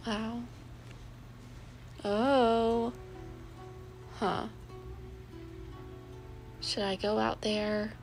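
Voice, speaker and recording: A woman's voice: fairly high pitch, flat delivery, extremely slow, pauses often, rough recording. A woman streamer giving casual, musing gameplay commentary and addressing chat as y'all. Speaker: game streamer. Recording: game music playing behind.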